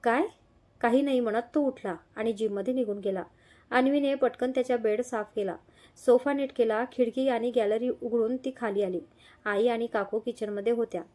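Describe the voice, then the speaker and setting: A woman narrating a romance audio story in a steady, even storytelling manner. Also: fairly high pitch, moderate pace.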